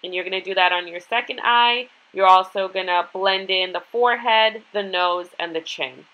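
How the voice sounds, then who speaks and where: A young woman talks casually through a beauty tutorial in a bright, forward voice. She has a nasal whine and sounds congested with a cold, speaking at a medium pitch. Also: moderate pace, highs cut off. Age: 20s. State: nasal, congested from being sick. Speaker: beauty vlogger. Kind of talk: makeup tutorial narration, casual. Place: small bedroom, indoors.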